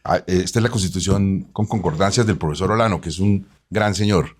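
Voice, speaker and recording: A man's voice: deep voice, fairly quick, a little mellow. A man hosting a radio interview in a studio, asking questions in a playful, teasing, conversational way.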